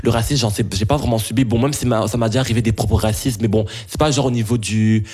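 A young man from Belgium answering interview questions, halting and full of restarts and fillers. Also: fairly low pitch, fairly even intonation, a little mellow, husky.

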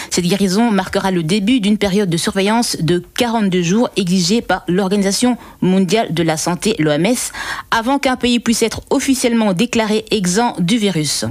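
A woman reads a radio news bulletin in a steady, formal manner. Her voice is mid-pitched and recorded close and dry, with no room sound around it. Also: dry recording. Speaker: news presenter.

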